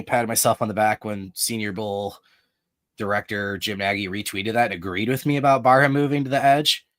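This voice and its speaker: A man's voice: mid-range voice, a bit bright, dry recording. A man hosting a casual sports podcast, chatty and self-deprecating, who also breaks into subscription plugs. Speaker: podcast host.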